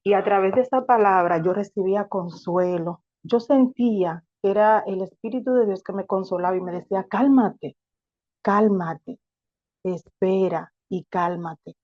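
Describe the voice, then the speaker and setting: A woman speaks earnestly and reflectively, giving a personal faith testimony at a middle pitch. The sound is dull and lo-fi, and she now and then stumbles and restarts a word. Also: brisk, hardly any pauses, darkish tone.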